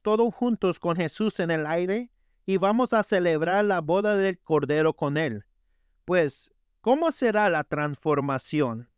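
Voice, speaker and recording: Male preacher, high voice, dry close sound, earnest storyteller. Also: clear, resonant tone, no room sound. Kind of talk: sermon.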